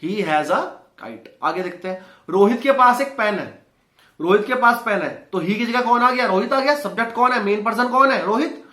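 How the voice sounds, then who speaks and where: A man teaching an English lesson in Hindi, quizzing viewers with quick rhetorical questions. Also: sits high, expressive, pushed and bright. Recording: roomy echo.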